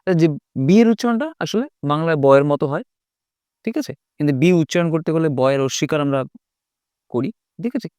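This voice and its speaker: A man's voice: a little high, animated, fast talker, pauses often, darkish tone, clear, resonant tone, no room sound. A man teaching a spoken language lesson, explaining letter sounds patiently and often checking with the listener. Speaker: English teacher.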